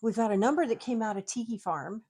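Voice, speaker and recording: This tiki mug collector from the U.S. talks quickly and expressively, her voice on the high side, husky and darkish. As a guest in a relaxed show-and-tell, she describes her collection at length with lots of laughter.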